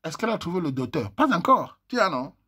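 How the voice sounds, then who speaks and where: A man's voice: fairly high pitch, very animated, fast talker, sharp tone, husky. A man with a Cameroonian French accent, reading messages aloud and joking with his viewers as a vlogger. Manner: joking, chatty, talks to viewers as little brother.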